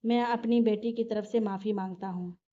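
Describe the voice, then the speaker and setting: A woman's voice: mid-range voice, steady tone, normal speed, dark tone, natural voice. Middle-aged father, soothing polite manner, dull lo-fi sound, as a female narrator reads him. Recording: dull lo-fi recording.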